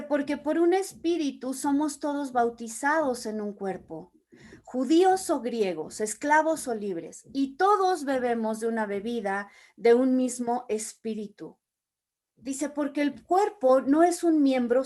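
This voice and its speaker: A woman's voice: high voice, animated, unhurried, a little mellow. A woman leading a Bible study, reading scripture aloud and explaining it with everyday examples. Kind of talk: Bible teaching.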